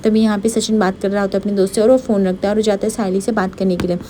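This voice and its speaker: A woman's voice: medium pitch, level tone, warm tone, slight background noise. A woman narrating a casual retelling of a TV serial episode, reading every character's lines herself. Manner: rapid, reads every character's lines plainly.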